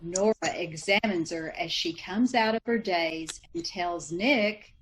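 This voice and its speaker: A woman announcer reading commercials and story narration in a measured, salesmanlike old-time radio style. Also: fairly low pitch, slight background noise, rough recording.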